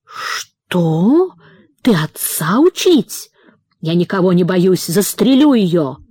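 A woman's voice: very animated, takes it slowly, dark tone, slightly rough, no echo, studio quality, exaggerated voice. A woman reading an audiobook voices a brutal, burly merchant father who jeers and mocks in a thin squeal. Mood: furious. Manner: mocking, jeering, falsetto taunts. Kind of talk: audiobook character voicing.

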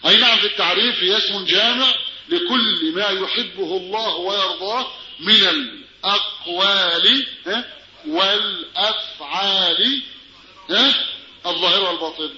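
Animated Egyptian preacher, fast and high. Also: male voice. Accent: Egyptian Arabic. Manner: animated, rhetorical questions to listeners. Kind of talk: religious lesson. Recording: dull, roomy recording with faint noise.

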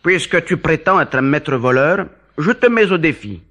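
Man as a stern noble count, imperious, forceful, animated delivery, storybook tale. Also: a little high, moderate pace, pitched above the performer's own voice. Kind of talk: storybook dialogue.

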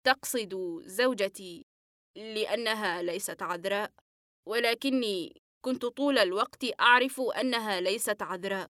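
A woman's voice: on the high side, normal speed, clear, resonant tone, dry recording, studio quality. A woman reading the part of an agitated male patient in an audiobook, breathless and trembling as she voices him. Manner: breathless, trembling, flaring into shouts.

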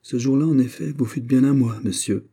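A man voicing a proud young king in an audiobook, speaking in a lofty, commanding way, higher than his narration. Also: a little fast, dark tone, slightly rough. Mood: gracious. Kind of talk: audiobook character voice.

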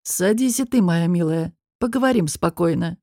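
Woman reader playing a scornful, cool male demon, unhurried and mocking; audiobook. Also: fairly low pitch, expressive, a little mellow, no echo, clean studio sound.

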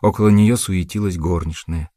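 A man narrating a classic novel as an audiobook, in a measured literary reading. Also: low-pitched, fairly even intonation, mellow, dry recording, studio quality. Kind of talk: scripted narration.

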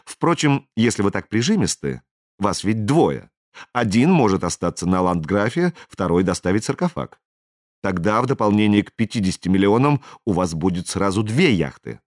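A man voicing a businesslike alien stranger in an audiobook, speaking in a measured, persuasive and authoritative way. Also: lowish voice, sing-song, no room sound, clean studio sound. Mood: commanding. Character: smooth, businesslike male alien stranger, commanding. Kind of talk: audiobook character reading.

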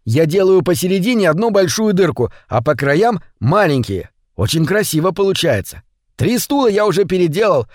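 A man's voice: a little high, darkish tone, dry recording, clean studio sound. A man voicing a cheeky, inventive young boy who talks in a boastful, matter-of-fact way.

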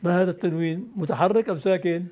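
High-voiced male teacher quizzing his class. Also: a little mellow. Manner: quizzes students, then explains firmly, reciting verse slowly. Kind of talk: classroom lecture on classical poetry.

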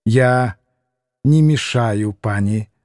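A man putting on a pompous Polish gentleman. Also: mid-range voice, no room sound, studio quality, voice pushed down. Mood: haughty. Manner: slow, haughty, weighty. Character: pompous middle-aged Polish gentleman with pipe.

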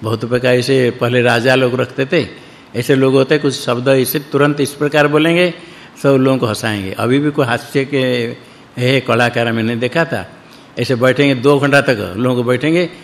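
Man, mid-pitched, spiritual teacher giving a loose, repetitive discourse, Sanskrit recitation, long reverb of a big hall. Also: moderate pace. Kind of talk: scripture discourse in Hindi.

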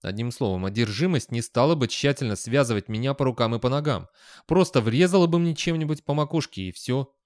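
A man's voice: mid-range voice, lively intonation, fairly quick, a little mellow, dry recording, studio quality, lightly acted. A man voicing a nervous, wry young man who rambles and hesitates as he explains himself. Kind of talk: audiobook dialogue.

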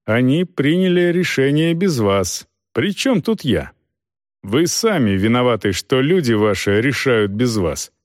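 A man voicing a calm, stern knight commander who talks plainly and dryly. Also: medium pitch, a little slow, no room sound, clean studio sound. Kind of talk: audiobook character voice.

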